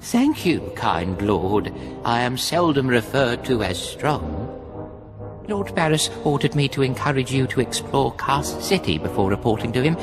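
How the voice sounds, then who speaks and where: A man's voice: medium pitch, very animated, measured pace, music in the background. A man voicing a cringing, fawning male slave who bows and simpers to please his master. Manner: servile, simpering, eager to please.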